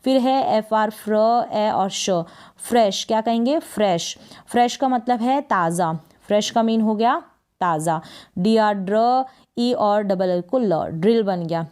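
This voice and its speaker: A woman's voice: mid-range voice, a little slow, a little mellow, clear, resonant tone. A woman teaching beginners to read English, sounding out letter blends and then asking and answering her own questions. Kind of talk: phonics lesson for beginners.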